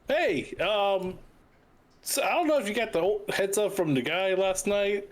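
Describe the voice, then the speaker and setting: A man's voice: high voice, lively intonation, measured pace. Laid-back man playing a tabletop game. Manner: hesitant, filler-heavy, laid-back. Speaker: player.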